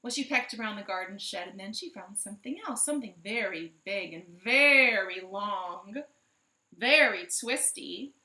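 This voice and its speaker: Here a library storytime host speaks in a mid-range, expressive voice that comes across pushed and bright, keeping a measured pace. She tells stories playfully to young listeners and asks them questions, and the living-room recording carries a roomy home echo.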